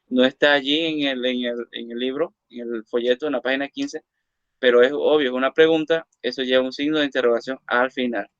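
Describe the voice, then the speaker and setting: A man teaching an English lesson, saying English phrases slowly, then translating and explaining them, and checking in with "ok?". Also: medium pitch, clean tone, dry recording. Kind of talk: recorded classroom lesson. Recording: dull lo-fi dry recording.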